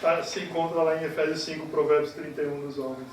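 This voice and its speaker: A man's voice: a little high, fairly even intonation, fast. A man preaching and reading scripture aloud, teaching with hesitant fillers. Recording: echoey hall, distant mic, noisy.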